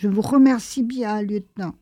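A woman's voice: medium pitch, normal speed, mellow, no room sound, clean studio sound, close to an everyday voice. A woman voicing a naive, earnest young woman in a read-aloud story. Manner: earnest, indignant.

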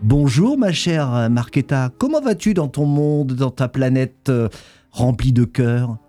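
A man's voice: medium pitch, expressive, unhurried, dark tone, soft background music. A man with an Alsatian accent hosting a radio interview in a studio, chatty and effusive, slipping German words into his French. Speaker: radio host.

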